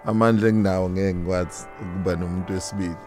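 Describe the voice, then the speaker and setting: South african guy w zulu accent, deep voice, talks real fast, casual interview chat. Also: steady tone, darkish tone, soft background music. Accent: South African Zulu-language. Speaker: interview guest, lounge owner. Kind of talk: casual interview talk, mixing languages.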